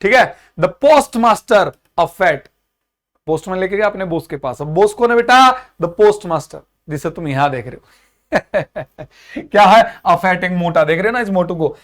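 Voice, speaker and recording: High-voiced man teaching a lesson. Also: lively intonation, unhurried, a bit bright. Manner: explains in Hindi mixed with English, acts out characters. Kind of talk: energetic exam-prep lesson.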